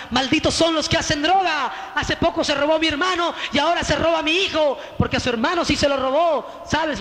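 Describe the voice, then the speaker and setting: A man pours out a religious testimony in the manner of a preacher, fervent and direct, calling his listener brother. His voice sits very high and sounds bright and forceful. A long hall reverb trails behind every line.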